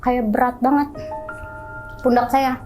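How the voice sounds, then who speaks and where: High-voiced woman with a lilt. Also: unhurried, soft background music. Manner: animated, acts out others' lines in quoted voices. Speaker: guest telling her story. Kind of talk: telling a personal ghost story.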